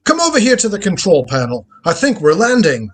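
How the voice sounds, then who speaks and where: Brisk and husky, with wildly swooping pitch around a medium center, the performer commands as an inquisitive old grandfather scientist who travels through time. It is a radio drama script reading, full of theatrical musing and exclaiming.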